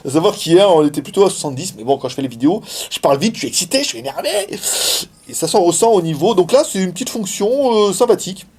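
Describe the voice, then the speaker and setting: Indoors in China, a male tech reviewer chats his way through a hands-on gadget demo, laughing and using lots of fillers. He talks fast and animatedly in a high, husky, slightly mellow voice.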